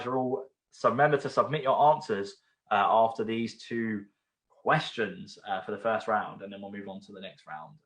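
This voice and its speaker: A man from the UK hosting an online pub quiz from home, chatting casually, rambling between questions and repeating each question. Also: medium pitch. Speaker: quiz host. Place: room at home. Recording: roomy home recording.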